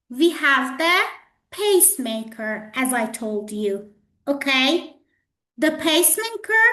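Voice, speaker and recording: High-voiced woman lecturing in an echoey classroom. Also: fairly bright tone. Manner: repetitive, checks in with "okay?" and "guys". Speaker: hospitality trainer.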